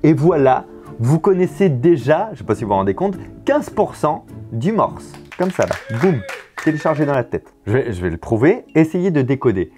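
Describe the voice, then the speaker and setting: Lively man explaining with animated pitch. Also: normal speed, music in the background. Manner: lively, repeats words while explaining. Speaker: host explaining memory tricks. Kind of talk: casual educational video.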